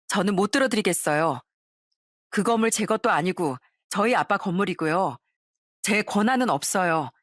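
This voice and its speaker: A woman narrating a first-person story in a calm, firm and polite manner, recorded close to the mic. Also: medium pitch, no room sound.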